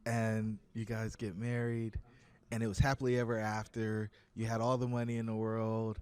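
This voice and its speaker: A man's voice: lowish voice, little pitch movement, normal speed, darkish tone, clear, resonant tone. A man hosting a podcast interview, with a teasing, joking way of talking. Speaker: podcast host. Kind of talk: casual interview talk.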